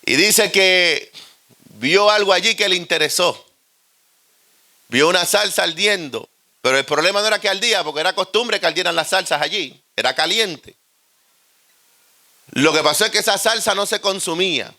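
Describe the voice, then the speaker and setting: A man with a Puerto Rican accent preaching a humorous storytelling sermon, animated and joking. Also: high voice, moderate pace, pauses often.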